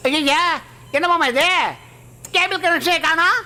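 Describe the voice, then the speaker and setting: A woman's voice: extremely high pitch, measured pace, pushed and bright, full character voice. An actress playing a cheeky young woman who chattily fusses over sleeping elders, in film dialogue. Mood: teasing. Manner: teasing, chatty. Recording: film soundtrack with music behind.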